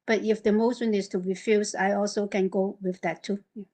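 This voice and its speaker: A woman on a planning committee giving halting remarks, often repeating words. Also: mid-range voice, level tone, darkish tone, low-quality recording. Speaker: committee member. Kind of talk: formal hearing remarks.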